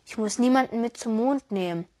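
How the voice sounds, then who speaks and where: A woman's voice: on the high side, fairly quick, mellow, natural voice. A woman voicing a lonely male alien inventor from the moon in a storybook, answering in short, grumbling replies. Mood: soft. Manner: grumbling, curt. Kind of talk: storybook voice acting.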